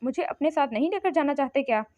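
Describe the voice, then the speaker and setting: A woman's voice: sits high, animated, fast talker, warm tone. A woman voicing a worried young man who chides and pleads with his companion, in a slightly muffled lo-fi recording. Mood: pleading. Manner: pleading and chiding.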